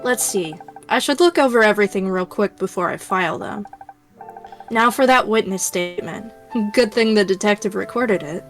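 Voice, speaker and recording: A woman's voice: medium pitch, moderate pace, soft background music. A woman streaming a game, chatting casually and reading its lines aloud in a playful way. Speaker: streamer playing a game with a co-host. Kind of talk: casual let's-play chat and reading game text.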